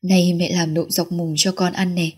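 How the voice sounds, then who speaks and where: A woman's voice: lowish voice, level tone, normal speed, breathy edge. A woman reading as a fierce, brash village mother. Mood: coaxing. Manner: brash, loud-mouthed. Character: scolding fierce working mother, middle-aged woman.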